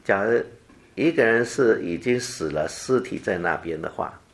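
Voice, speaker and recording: Low-voiced man teaching a Bible passage. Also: animated. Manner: halting, repeats phrases, many fillers. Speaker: preacher.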